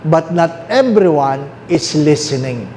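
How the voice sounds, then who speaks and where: Filipino priest guy preaching, slightly high voice, roomy echo, faint hum behind. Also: animated, mellow. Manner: mixes English and Tagalog, asks the listeners questions; repeats key phrases slowly. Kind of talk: sermon.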